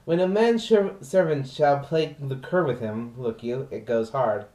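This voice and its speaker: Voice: measured pace, dark tone, natural voice. A vlogger acting out a comic male servant who laments his unfeeling dog in a Shakespeare monologue, with swooping, theatrical emphasis, recorded in a roomy space away from the mic. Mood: indignant. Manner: theatrical, swooping emphasis with sudden high outbursts. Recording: roomy echo, from mic distance.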